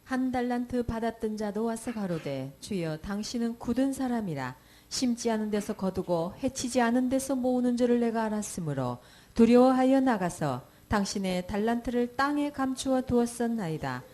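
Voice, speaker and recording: Woman reading scripture in a mellow voice. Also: on the high side, lively intonation, normal speed.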